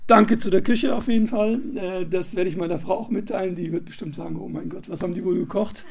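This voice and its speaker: A man's voice: high voice, fairly even intonation, quick pace, gravelly, husky. A man sharing his experience of a meditation retreat, hesitant and searching for words with frequent fillers. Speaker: retreat participant. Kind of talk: casual spoken testimonial.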